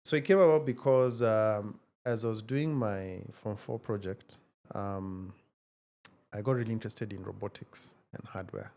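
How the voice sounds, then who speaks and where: A man in his forties, speaking as an interview guest in a measured, reflective way with frequent hesitations. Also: fairly low pitch, steady tone, a little mellow. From Kenya. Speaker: guest, tech founder. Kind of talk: casual interview conversation.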